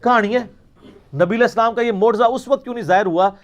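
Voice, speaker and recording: In a lo-fi recording, a very high-pitched man talks fast while delivering an argumentative religious lecture. He's a teacher fielding questions, and he mocks and poses rhetorical points while quoting narrations.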